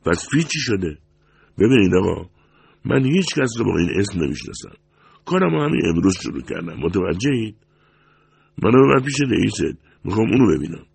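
A man's voice: fairly low pitch, very animated, vocal fry, darkish tone, slightly rough, dry recording, full character voice. A man voicing a restless man who keeps pressing to learn where a missing waitress went, in an anxious, insistent manner.

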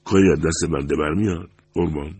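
A man voicing a big, calm diner manager with a deep voice, speaking politely and formally. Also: breathy edge, no room sound, full character voice.

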